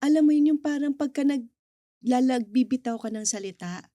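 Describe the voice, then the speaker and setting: Earnest Filipino woman, high warm voice. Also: normal speed, no echo. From Philippines. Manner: earnest, mixes English into Tagalog. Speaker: guest. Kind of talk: faith testimony interview.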